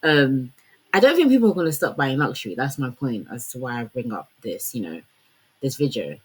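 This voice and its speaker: Young female commentator, husky voice, talks casually and thinks out loud. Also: a bass voice, sing-song, brisk, poor audio. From Congolese heritage. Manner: conversational, lots of fillers like "like" and "you know". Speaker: fashion commentator.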